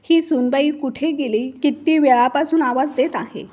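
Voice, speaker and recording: A woman voicing a sharp-tongued older mother-in-law who scolds and taunts her daughter-in-law in a storybook reading. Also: high-pitched, normal speed, voice pushed up, lightly acted. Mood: scolding.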